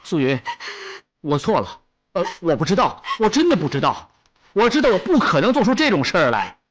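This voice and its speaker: An actor playing a young man in a TV costume drama, coaxing and begging his weeping sweetheart in a husky voice. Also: high-pitched, big pitch swings, a little fast. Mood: pleading. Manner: pleading, coaxing, self-deprecating.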